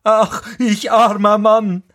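A man's voice: mid-range voice, very animated, slow, pitched above the performer's own voice, full character voice. A man playing a stubborn, self-pitying male carter in a spoken fairy tale, grumbling dismissively and wailing over his losses.

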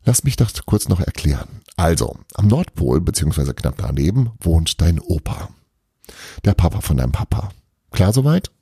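A man's voice: low voice, sing-song, normal speed, dark tone, breathy edge, no room sound, studio quality, heavily acted. A man doing a cheeky, teasing storybook girl. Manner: playful, teasing, insistent. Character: cheeky girl with wild tales. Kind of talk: storybook reading.

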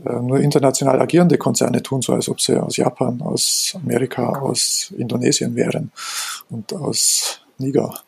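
A man with a gravelly, slightly husky voice speaks as a podcast guest. He explains his design work in a measured, reflective way, building his points slowly. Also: mid-range voice, little pitch movement. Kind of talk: podcast interview answers.

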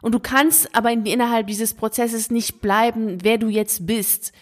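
A woman's voice: fairly high pitch, fairly even intonation, moderate pace. A woman coaching teachers in an earnest motivational monologue, speaking straight to the listener. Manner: earnest, addresses the listener directly with repeated phrases.

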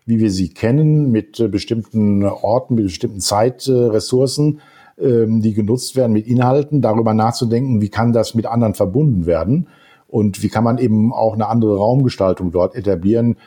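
A man talking thoughtfully in a discussion, pausing often with fillers and building long winding sentences. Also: fairly low pitch, mellow, husky. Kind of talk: casual discussion.

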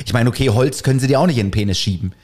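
A man talks very fast in a mid-range voice, casually telling a long personal anecdote. He animates the story by acting out the voices of the people in it.

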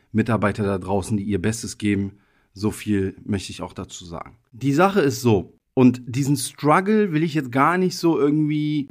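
A man in his thirties, raised in Germany, talks to his listeners on his own podcast. His pitch sits in an ordinary middle range. He muses aloud in a casual, personal way and keeps softening his points with fillers. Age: 30s. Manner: thoughtful, personal, loose with frequent hedging fillers. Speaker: podcast host. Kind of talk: casual reflective monologue.

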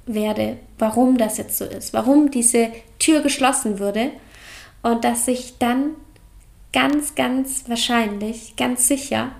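A young woman hosting a yoga and mental health podcast, talking calmly and personally, straight to the listener. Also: on the high side, gravelly. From Germany. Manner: calm, personal, speaks directly to the listener. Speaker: podcast host, yoga coach. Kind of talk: reflective solo podcast talk.

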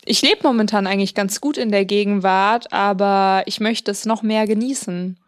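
A woman's voice: mid-range voice, normal speed. A young woman co-hosting a podcast in casual chat, playful and a little sarcastic. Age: young adult. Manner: playful, self-described sarcastic. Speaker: podcast co-host.

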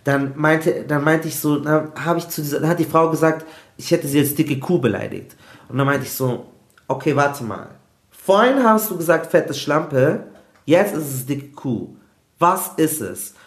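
Animated man telling a story, echoey room. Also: on the high side. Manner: animated, mixes in English words. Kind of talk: casual storytelling in a podcast chat.

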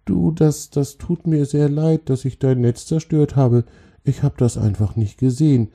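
A man's voice: medium pitch, measured pace, gravelly, warm tone, pitched above the performer's own voice. Man doing a meek, friendly young troll. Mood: apologetic, friendly. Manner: meek, apologetic. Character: friendly, apologetic young male troll wanderer.

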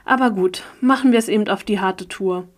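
A woman voicing a smug, cold grown male villain in an audiobook, speaking in a calm, measured, quietly menacing way. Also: mid-range voice, natural voice. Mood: cool, menacing. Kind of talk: audiobook character voice.

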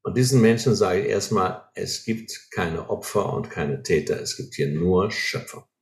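A man's voice: deep voice, expressive, moderate pace. A man explaining ideas in an earnest way, often checking in with short tags like "right?", in a conversation. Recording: roomy echo.

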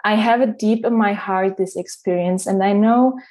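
A woman whose first language is not English, interviewing a guest and speaking haltingly as she searches for words. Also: mid-range voice, steady tone, a little mellow.

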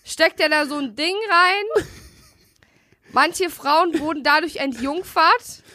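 A woman's voice: high-pitched, slow, sharp tone, dry recording. A young woman co-hosting a podcast in casual chat, blunt and slangy, quoting people in her stories. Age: young adult. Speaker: podcast co-host.

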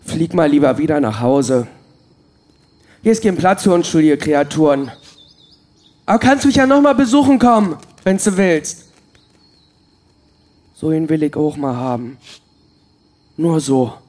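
A man playing a husky, gruff young convict. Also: fairly high pitch, measured pace, pauses often. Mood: tender. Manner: sullen and curt, softening to cooing. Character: coarse young male convict, gruff yet tender with birds. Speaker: prisoner.

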